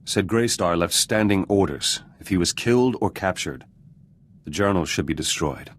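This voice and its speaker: A deep-voiced man, animated and at normal speed, performs video game dramatic voice acting as a bitter resistance fighter who became a politician. The character is hard and vengeful, and his speech is terse and guarded, broken into clipped fragments with dropped words.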